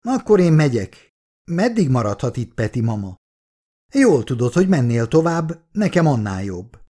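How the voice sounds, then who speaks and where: A man voicing a brusque grown son who talks in a blunt, gruff manner. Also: medium pitch, sing-song, dark tone.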